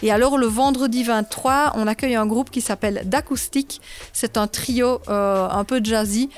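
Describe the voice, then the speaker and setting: Woman on a radio interview, kinda high voice, going through a schedule step by step. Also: moderate pace, faint music behind. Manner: methodical, walks through a schedule day by day. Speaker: guest, local events organizer.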